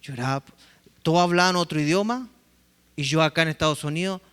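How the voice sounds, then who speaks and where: A man preaching in a church, his voice high and bright. He tells lively stories and acts out the quotes. A long reverb hangs after his words. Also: fairly quick, clear, resonant tone. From Chile. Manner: lively storytelling, acting out quotes. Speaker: pastor. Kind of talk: sermon. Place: church sanctuary.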